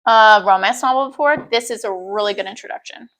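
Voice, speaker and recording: A woman's voice: medium pitch, a little fast, fairly bright tone. A woman co-hosting a casual chat, upbeat and chatty about books. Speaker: co-host.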